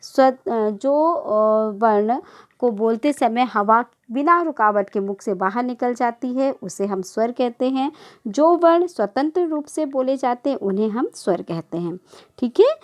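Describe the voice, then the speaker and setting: A woman teacher with a slightly high voice explains a grammar lesson to a class. She goes over each definition more than once and keeps asking whether it is clear. When she lists the vowel sounds, she stretches each one out slowly. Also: animated. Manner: patient, repeats definitions, checks understanding. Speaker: school Hindi teacher.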